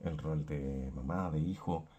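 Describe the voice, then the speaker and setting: A man giving a clinical psychology lecture, explaining with everyday examples and quick acted asides. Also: rumbling low, warm tone, slightly rough, highs cut off.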